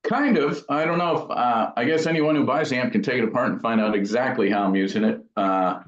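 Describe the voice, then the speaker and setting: An amp builder being interviewed, this man speaks fairly quickly at a medium pitch, offering casual explanations that are thoughtful but wander. His voice comes through with a dull, echoey room sound.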